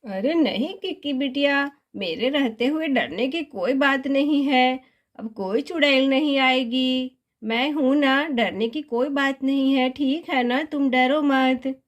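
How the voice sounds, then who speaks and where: A woman's voice: sits high, takes it slowly, dull audio. A woman doing a fierce scolding grandmother. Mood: reassuring. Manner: bold scolding, threatening. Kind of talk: doll story voice acting.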